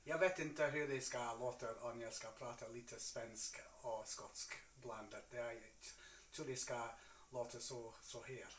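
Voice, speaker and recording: A man's voice: mid-range voice, steady tone, a little slow, a bit bright, a little hiss or hum. A Scottish man co-hosting a live music stream, joking dryly in casual chat. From Scotland. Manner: dry, joking, uses Scottish slang. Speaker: co-host and musician. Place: home veranda during a live stream. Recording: echoey, from a distance.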